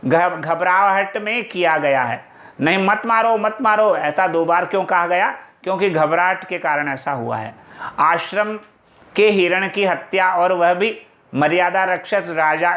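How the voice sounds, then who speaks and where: Man, lecturer, high voice, slow, recites Sanskrit then explains in Hindi, repeats himself, answers his own questions. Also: fairly bright tone. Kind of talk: classroom explanation of a Sanskrit play.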